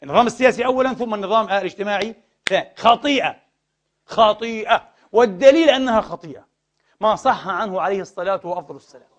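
A male preacher delivers a sermon at a rapid clip. His voice sits high, and he drives his points home by firing rhetorical questions and repeating key words. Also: expressive. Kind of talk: sermon lecture to a congregation.

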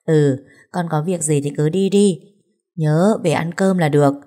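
A woman's voice: sits low, measured pace, dark tone. A woman reading as a kindly older mother-in-law.

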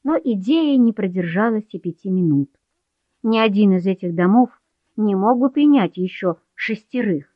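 A woman narrating a novel in an even, measured storytelling voice. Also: medium pitch, no room sound. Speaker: audiobook narrator. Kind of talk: scripted narration. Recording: dull dry studio recording.

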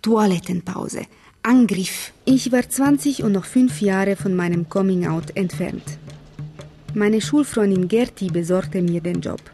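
A woman's voice: mid-range voice, measured pace, warm tone, soft background music. An actress playing a wry young Hungarian woman who narrates her life in a radio drama in clipped inner monologue. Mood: wry, restrained. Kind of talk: scripted first-person radio drama narration.

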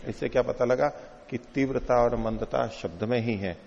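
A man teaching a classroom philosophy lecture, patiently explaining by repeating and rephrasing points and quoting Sanskrit slowly. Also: mid-range voice, vocal fry, darkish tone, slight background noise. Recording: dull lo-fi sound in a long-reverb hall.

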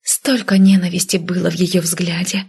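Expressive woman reading a story aloud. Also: fairly low pitch, normal speed, creaky, husky. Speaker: audiobook narrator. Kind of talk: first-person audiobook narration.

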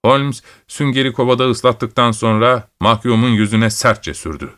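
A man reading a story aloud as an audiobook narrator, in a steady, measured storytelling manner. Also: medium pitch. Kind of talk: scripted narration.

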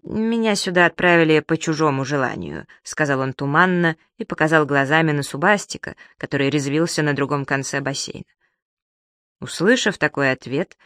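A woman reading a children's audiobook in an even storytelling manner. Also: low voice, dry recording, studio quality. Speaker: narrator. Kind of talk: audiobook narration.

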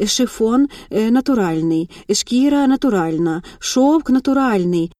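A woman voicing a brisk, sympathetic female shop assistant. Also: fairly high pitch, expressive, no echo, clean studio sound, far from the mic. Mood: persuasive. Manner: brisk, warm-hearted.

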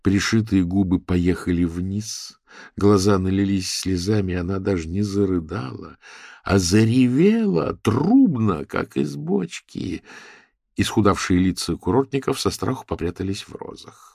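A man reading an audiobook, expressive and lively, with a gravelly, husky voice. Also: low-pitched, measured pace, dry recording, clean studio sound. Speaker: audiobook narrator. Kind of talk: scripted narration.

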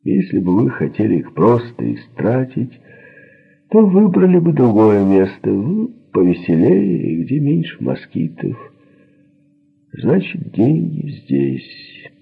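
A man reading aloud, voicing a drugged, unhinged male criminal who rambles and then mutters threats, in a husky voice. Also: medium pitch, wildly swooping pitch, slow pace, pitched above the performer's own voice, heavily acted. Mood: rambling suspicion. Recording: narrow phone-like sound.

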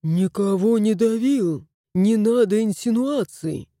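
A woman's voice: medium pitch, takes it slowly, warm tone, no room sound, clean studio sound, close to an everyday voice. A woman voicing a grumpy, touchy male house cat in a storybook reading, sulky and grumbling.

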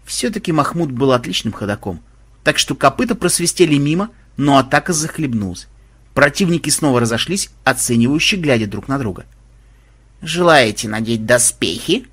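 Husky man narrating a lively story. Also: medium pitch, brisk. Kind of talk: audiobook narration.

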